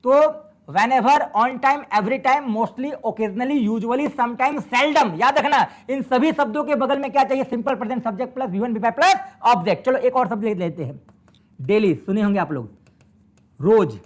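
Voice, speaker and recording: A man with an Indian accent teaching English grammar in a classroom lecture, slowly repeating key words to drill his students. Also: extremely high pitch.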